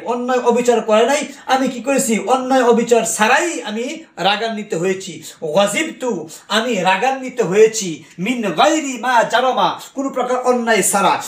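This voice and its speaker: A male teacher of Arabic grammar, who asks questions and answers them himself and repeats key terms slowly. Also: very high-pitched, a bit bright, roomy sound. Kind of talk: recorded grammar lesson.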